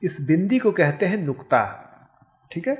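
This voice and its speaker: Man teaching Hindi grammar, slightly high voice. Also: sing-song. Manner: slow, careful pronunciation of example words; explains step by step, often checking with "ठीक है". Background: background noise.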